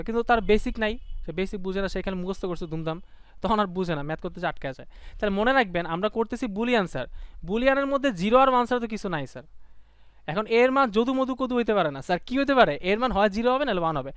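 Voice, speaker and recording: Fast-talking man teaching live. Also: high-pitched, a bit bright, clean tone, dry recording, studio quality. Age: young adult. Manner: quick, colloquial, asks students questions. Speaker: online tutor. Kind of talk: live online class lecture.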